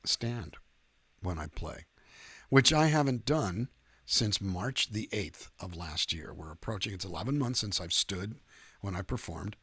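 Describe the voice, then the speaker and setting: Middle-aged guy rambling on his livestream, low husky voice, jokes at his own expense. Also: lively intonation, unhurried, bright, forceful tone, no echo. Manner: rambling, self-deprecating joker. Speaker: singer-songwriter hosting a livestream. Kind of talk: casual livestream chat.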